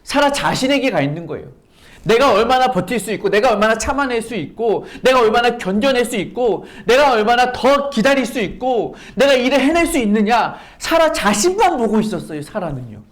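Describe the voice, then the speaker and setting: Give me a woman pastor preaching with rhetorical questions, emphatic repetition and a lively, expressive voice. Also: fairly high pitch, fairly quick. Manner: conversational, asks rhetorical questions. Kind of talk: sermon.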